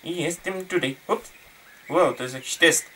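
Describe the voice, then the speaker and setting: A man's voice: fairly high pitch, moderate pace, bright, forceful tone, far from the mic, a little hiss or hum. A man giving playful, jokey commentary on a game he is playing, swearing and teasing the enemies on screen. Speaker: gameplay commentator. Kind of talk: let's play commentary.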